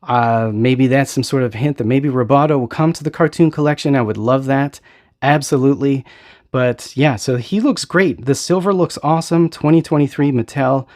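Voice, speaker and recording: A man's voice: medium pitch, moderate pace, darkish tone. A man hosting a casual toy unboxing review, talking with enthusiasm, rambling a little and often asking "right?" as he goes.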